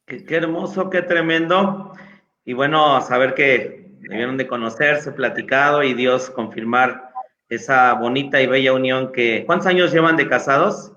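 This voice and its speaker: A man's voice: medium pitch, normal speed, pushed and bright, highs cut off. A man interviewing pastors at a church event, offering encouraging affirmations and follow-up questions.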